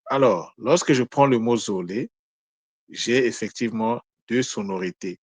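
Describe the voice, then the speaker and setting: A man giving a daily spiritual teaching, explaining words slowly and carefully with frequent pauses. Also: medium pitch, darkish tone, slightly rough, dry recording. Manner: slow, measured, explaining word by word with pauses.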